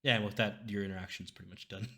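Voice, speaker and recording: A man's voice: lowish voice, fairly even intonation, very fast, sharp tone. A man narrating a tabletop game as game master in a loose, informal way. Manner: informal, says y'all and like.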